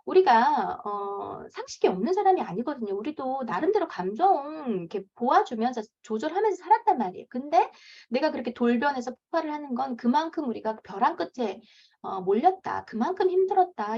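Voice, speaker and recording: A woman's voice: a little high, mellow. A woman in her thirties, a parenting coach, giving a lecture and acting out parents' lines in a raised voice. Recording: dull lo-fi lecture recording.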